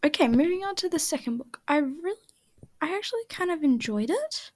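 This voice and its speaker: A woman's voice: sits high, lively intonation, a little fast, darkish tone, dry recording. A woman chatting casually in a voice-over while she draws, rambling and often dropping to a half-whisper. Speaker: art channel creator.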